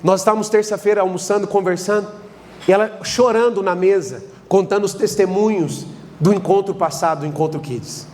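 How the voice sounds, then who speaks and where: A man's voice: high-pitched, a little fast, a little mellow, in a large hall. A man with a Brazilian Portuguese accent, preaching a sermon in a church and telling stories dramatically as he acts out the dialogue. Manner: dramatic storytelling, acting out dialogue. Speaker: pastor. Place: church service hall.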